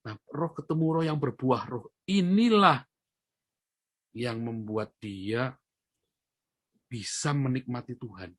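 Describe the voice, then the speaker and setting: A man of ordinary pitch preaches to his congregation in a storytelling way. He pushes up into loud, high emphasis on his main points and sinks into soft, low asides in between. The sound is close and dry, with no room echo. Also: slow, long pauses, husky. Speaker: pastor. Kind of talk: sermon.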